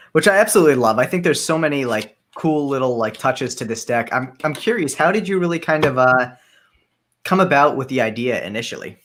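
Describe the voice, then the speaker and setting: A man's voice: mid-range voice, animated, fairly bright tone. A man from New Jersey hosting a casual live-stream chat, upbeat and friendly. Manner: upbeat, friendly, quick to laugh. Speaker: host.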